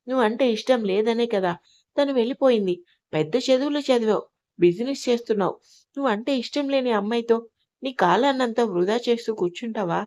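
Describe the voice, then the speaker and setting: A woman's voice: fairly high pitch, a little mellow, lightly acted. Stern scolding inner conscience, as a woman puts it on. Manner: scolding, insistent.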